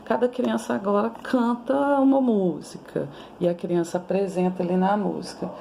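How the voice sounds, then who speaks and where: A woman's voice: medium pitch, steady tone, moderate pace, vocal fry, dark tone, a little hiss or hum. A Brazilian woman in her forties giving a conversational lecture on teaching young children, often tagging her sentences with "né?". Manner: conversational, with frequent "né?" tags and restarts. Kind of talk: recorded lecture on early childhood education.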